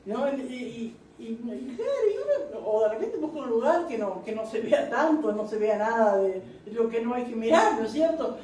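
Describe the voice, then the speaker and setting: A woman's voice: fairly high pitch, very animated, normal speed, hardly any pauses, dark tone, slight background noise. A woman giving church Bible teaching, preachy and full of amens and "¿no es cierto?" asides. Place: church meeting room. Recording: echoey church room, mic far off.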